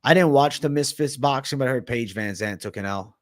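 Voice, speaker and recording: A man's voice: mid-range voice, brisk, no echo, studio quality. A man hosting a casual livestream Q&A, reading viewer comments and talking bluntly with some swearing. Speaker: livestream host.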